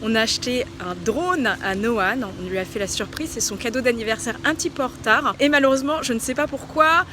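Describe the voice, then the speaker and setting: A woman's voice: a little high, a little fast, hardly any pauses. A woman from France giving a casual travel vlog update to the camera. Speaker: family travel vlogger. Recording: clear outdoor car and street noise.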